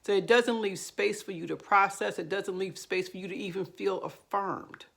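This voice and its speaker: A woman giving earnest, explanatory counseling advice straight to camera, pausing on fillers and restarting her sentences. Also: medium pitch, fairly even intonation, creaky, a bit bright. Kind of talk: direct-to-camera advice talk.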